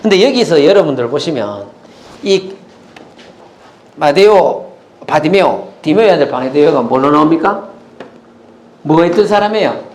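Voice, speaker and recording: Male pastor, high and animated, preaching in a roomy church with faint noise behind. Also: normal speed, long pauses. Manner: animated preaching, asks the congregation questions. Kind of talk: sermon.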